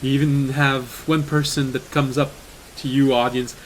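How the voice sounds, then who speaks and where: A man's voice: medium pitch, little pitch movement, moderate pace, rough recording. A man narrating a tabletop game as game master, chatty, with fillers and laughs. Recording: faint hiss in the background.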